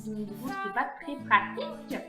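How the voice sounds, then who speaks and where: Woman, fairly high voice, halting craft voice-over, echoey room, guitar music underneath. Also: animated. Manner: hesitant, full of fillers and self-corrections. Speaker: DIY craft vlogger. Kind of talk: DIY tutorial voice-over.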